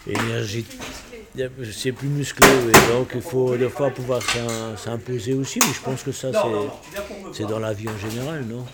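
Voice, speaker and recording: A man's voice: fairly low pitch, heavy background noise. A man in his sixties, born in Portugal with Portuguese as his first language, talking hesitantly and reflectively about his life in an interview. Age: 60s. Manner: reflective, hesitant, halting with restarts. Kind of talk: casual spoken recollection. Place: bar.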